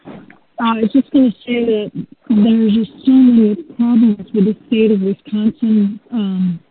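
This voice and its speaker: A woman on a webinar, talking hesitantly with many pauses, heard through a muffled speakerphone. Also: fairly high pitch, steady tone, a little hiss or hum. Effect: muffled speakerphone sound. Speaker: panelist on a webinar. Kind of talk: unprepared casual remarks. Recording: muffled phone line.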